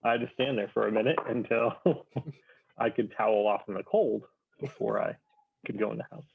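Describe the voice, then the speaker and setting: Casual male storyteller, halting and drily self-mocking, rough-edged voice, narrow muffled call audio. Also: fairly low pitch. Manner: halting, self-deprecating, wry. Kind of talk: casual anecdote among friends. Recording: thin phone-like call, muffled.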